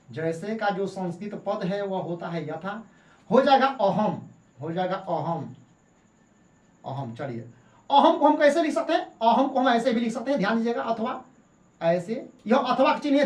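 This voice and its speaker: A woman's voice: medium pitch, a little mellow. Lady teacher, bouncy up-down voice, keeps repeating stuff n quizzing then answering, echoey room. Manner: repeats points and asks rhetorical questions, then answers them. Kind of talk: classroom-style lesson.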